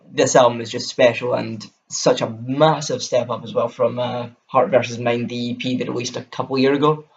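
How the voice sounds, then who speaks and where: Speaking to camera with a Scottish accent, this young Scottish music vlogger rambles eagerly through a casual album review. His medium-pitched voice is creaky, and the recording sounds dull.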